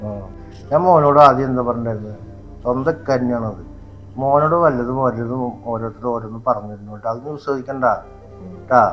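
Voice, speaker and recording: A man playing a gentle, reassuring father. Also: mid-range voice, fast, lo-fi sound, soft background music, close to an everyday voice. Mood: soothing. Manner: soothing, reassuring. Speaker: father in a family skit. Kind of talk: amateur family short film acting.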